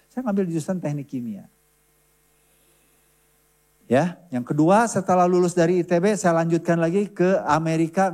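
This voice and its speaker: A man's voice: mid-range voice, darkish tone. A middle-aged man, a preacher and counselor, giving an earnest church sermon, stressing each point and often adding a questioning "ya". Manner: earnest, emphatic, repeats points, often adds "ya".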